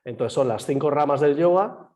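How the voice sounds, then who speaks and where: Man, slightly hoarse, patient yoga teacher, video call mic. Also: fairly high pitch, expressive, moderate pace, mellow. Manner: explains patiently, quizzes students, many fillers. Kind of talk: online class lecture. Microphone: computer mic on a video call.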